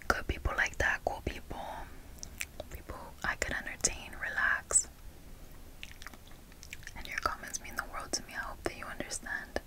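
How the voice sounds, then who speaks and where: A young woman with a Miami accent giving a whispered ASMR talk in a slow, deliberate way with repeated phrases, close to the microphone. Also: rough recording. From Miami, United States. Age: young adult. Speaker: ASMR video creator. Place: bedroom, indoors. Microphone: close fur-covered desk microphone.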